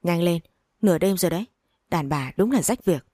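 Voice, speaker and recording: A woman's voice: on the low side, expressive, brisk, dark tone, no echo, clean studio sound. A woman reading the lines of an impatient, curt young husband. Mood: irritable.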